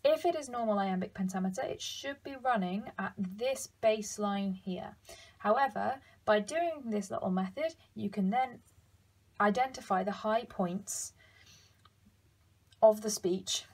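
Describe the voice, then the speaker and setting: Young woman, brisk hands-on demo, mid-pitched, plainspoken. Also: a little mellow. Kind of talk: step-by-step demonstration.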